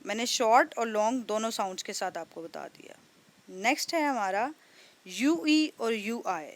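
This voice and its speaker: Young woman teacher, fairly high voice, patient phonics lesson that sounds words out. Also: animated, measured pace.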